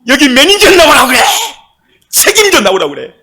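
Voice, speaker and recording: A man's voice: high-pitched, very animated, normal speed, breathy edge, exaggerated voice. A man playing an indignant old church elder. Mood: demanding. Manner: pleading, protesting loudly.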